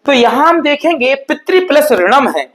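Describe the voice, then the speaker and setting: A man teaching an exam-prep grammar lesson at a board, explaining patiently and repetitively, sounding out example words slowly and often checking in with his students. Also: very high voice, very animated, a bit bright, rough recording. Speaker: Sanskrit teacher.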